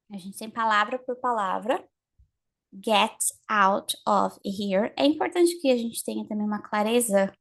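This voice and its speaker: A woman teaching English pronunciation, explaining in Portuguese and repeating English example phrases slowly for students. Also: a little high, vocal fry, a little mellow. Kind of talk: online lesson, mixing Portuguese and English.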